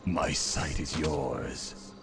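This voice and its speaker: Ancient, deep-voiced undead servant, sinister. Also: male voice, extremely slow, heavily acted. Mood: ominous devotion. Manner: ominous, theatrical, servile. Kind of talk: video game unit voice lines. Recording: loud game music over voice.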